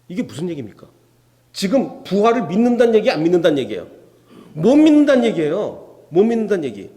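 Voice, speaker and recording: A man's voice: a little high, a little mellow. A male pastor preaching an expository sermon, asking the congregation rhetorical questions and acting out biblical dialogue. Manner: acts out biblical dialogue in shifting voices. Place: church sanctuary. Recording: long reverb from a church hall.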